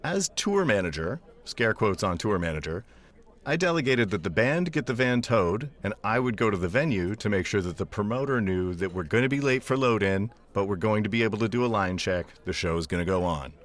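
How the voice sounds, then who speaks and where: Low-voiced man hosting a podcast. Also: expressive, a little fast. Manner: dry, self-deprecating storytelling. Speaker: podcast host. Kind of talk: scripted monologue intro.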